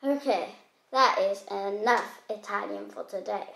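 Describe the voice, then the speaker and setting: A woman acting as a patient teacher in a playful classroom skit for children, speaking clearly with mock-strict moments. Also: mid-range voice, a little slow, a bit bright. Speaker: co-host playing a teacher. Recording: roomy echo.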